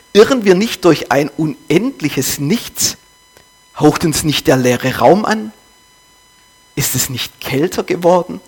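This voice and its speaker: A man's voice: high-pitched, slightly rough, exaggerated voice. A man voicing a frantic madman who cries out over a lost god, in an intense run of rhetorical questions.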